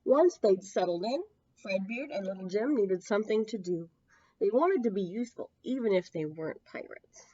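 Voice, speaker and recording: A children's storyteller at a public library reads a picture book aloud for young children, her mid-range voice dark in tone and slightly rough. Her intonation is lively and her pace moderate, and she leans on key words, stretching them for effect. The close, dry recording is a bit lo-fi, its top end dulled.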